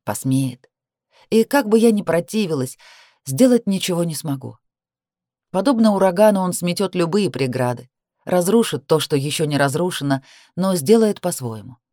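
Woman, audiobook narrator, measured tense delivery, warm dark tone, dry close sound. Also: lowish voice, expressive, no room sound. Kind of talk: first-person novel narration.

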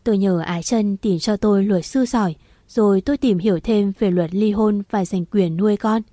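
A woman narrating a first-person story in a calm, even reading. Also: medium pitch, normal speed, no room sound.

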